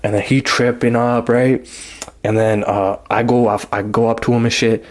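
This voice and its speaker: A man's voice: mid-range voice, level tone, normal speed. A young man telling a casual storytime, rambling in heavy slang and acting out what people said. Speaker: vlogger.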